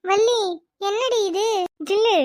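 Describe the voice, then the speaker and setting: A woman's voice: extremely high pitch, steady tone, slow pace, no echo, studio quality, pitched above the performer's own voice. A woman voicing a blunt, grumbling snake-woman aunt in a cartoon.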